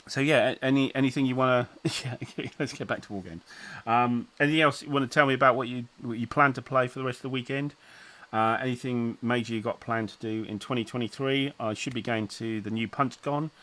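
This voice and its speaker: A man's voice: mid-range voice, a bit bright. A middle-aged man, hosting a casual livestream chat, rambling and restarting sentences with chuckles. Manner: rambling, self-interrupting, chuckling. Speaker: channel host.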